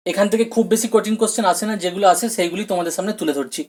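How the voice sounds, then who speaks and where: Exam-prep teacher, mid-pitched voice, explanatory, repeats questions, mixes in English terms. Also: rapid-fire, a little mellow. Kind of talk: recorded online grammar lesson.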